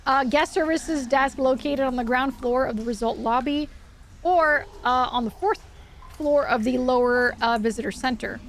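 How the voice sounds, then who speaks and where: A woman streams with a notably high voice and a cute, enthusiastic anime-streamer manner. She talks casually to her viewers and reads aloud with asides. Faint noise sits behind her voice. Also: normal speed. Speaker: horror livestreamer. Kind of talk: casual livestream chat, reading aloud with asides. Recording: clear background noise.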